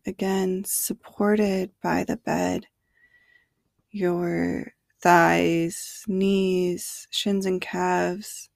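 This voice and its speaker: A woman guides listeners toward sleep in a hushed, soothing bedtime narration. Her delivery is even and drawn out at a very slow pace, sometimes close to a whisper. The sound is dry and close, with little room around it. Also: medium pitch, gravelly, no echo. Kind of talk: sleep meditation narration, slow body scan.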